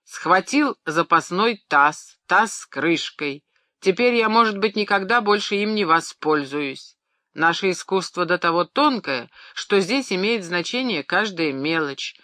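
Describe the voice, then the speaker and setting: A pompous, excitable middle-aged pharmacist rants and scolds at full volume, as an audiobook reader puts him on. The voice is pushed higher than the reader's own, bright and tense. It is recorded close and dry, with no room sound. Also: moderate pace, dry recording. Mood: furious ranting. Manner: ranting, shouting in outrage. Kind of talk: audiobook character reading.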